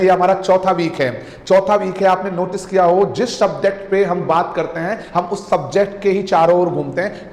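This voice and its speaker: A man's voice: sits high, darkish tone. A man from India teaching a communication class, emphatic and repetitive, firing off rhetorical questions and mixing Hindi with English. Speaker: communication coach. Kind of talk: online class lecture. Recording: echoey room with long reverb.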